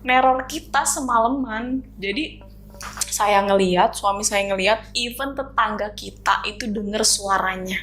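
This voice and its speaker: A woman's voice: medium pitch, unhurried, soft background music. A woman with a Sundanese-tinged Indonesian accent telling her own ghost story casually and acting out the dialogue. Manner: animated, acts out the dialogue in changed voices. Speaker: guest storyteller.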